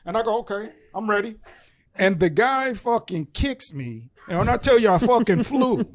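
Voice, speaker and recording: A man on a podcast telling a story in an animated, profane way, acting out the people in it. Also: very high voice. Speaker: podcast guest. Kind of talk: casual storytelling.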